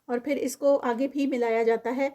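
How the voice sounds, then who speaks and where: A woman teaches Quran tajweed, reciting in a slow, drawn-out way and then explaining quickly with English terms mixed in. Her voice is high-pitched and dark in tone, with fairly even intonation.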